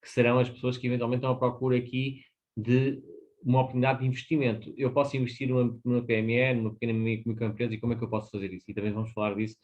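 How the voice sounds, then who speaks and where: A man's voice: mid-range voice, little pitch movement, racing, a little mellow. A man in his fifties with a European Portuguese accent, giving a hesitant, explanatory webinar presentation over a video call. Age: 50s. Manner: explanatory, hesitant, often adds tag questions. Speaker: webinar presenter on business financing. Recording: dull lo-fi webinar audio.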